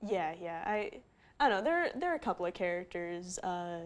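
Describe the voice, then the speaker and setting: A woman's voice: lowish voice, big pitch swings, moderate pace. A young woman co-hosting a casual film review, opinionated and nitpicky, often restarting her sentences. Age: young adult. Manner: opinionated, nitpicky, self-interrupting.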